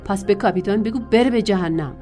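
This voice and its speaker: A woman's voice: medium pitch, mellow, faint music behind, close to an everyday voice. A woman voicing an angry, rude male passenger who snaps curt retorts. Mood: irritated.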